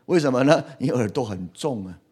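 A middle-aged man preaching a sermon. He keeps asking the congregation questions and swings from loud to soft. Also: medium pitch, brisk, husky. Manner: lively, asks the congregation questions, animated swings in loudness. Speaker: pastor.

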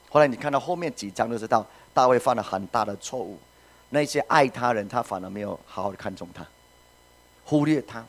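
A man preaching a sermon, animated, asking the congregation questions and using many filler sounds. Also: mid-range voice.

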